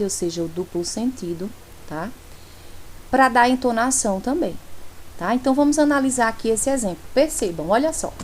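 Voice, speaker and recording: A woman's voice: fairly high pitch, a little hiss or hum, poor audio. A woman from teaching a grammar lesson in a friendly way, often checking that her students follow. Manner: friendly, frequent checks like "tá certo?".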